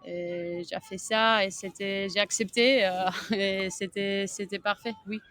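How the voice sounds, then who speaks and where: Slow, halting woman with a Greek accent. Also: medium pitch, fairly even intonation, fairly bright tone, clear, resonant tone. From Greece. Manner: halting, searching for words in non-native French. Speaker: tennis coach and podcast guest. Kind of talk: interview answers.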